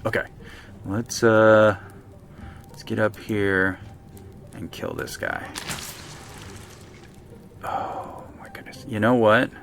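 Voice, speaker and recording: A man streaming a game live, excitably talking to his units and chatting with viewers. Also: on the low side, slow pace, long pauses, slight background noise. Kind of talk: live let's-play commentary.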